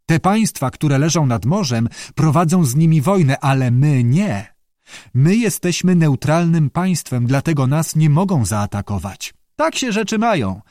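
A man's voice: a little high, big pitch swings, a little slow, a little mellow, no echo, clean studio sound, pitched above the performer's own voice. A male audiobook reader voicing a stubborn old father who scolds his son and later grows shaken and afraid. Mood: scolding. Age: older. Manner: scolding, dismissive, later shaky and fearful. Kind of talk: audiobook character voice.

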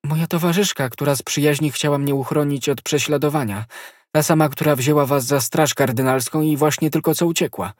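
A man's voice: fairly high pitch, a little fast, no echo, studio quality, pitched above the performer's own voice, close to an everyday voice. Konstancja, a man voicing a pleading young woman. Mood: anxious. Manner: breathless and pleading. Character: young woman, loving and frightened, dying of poison.

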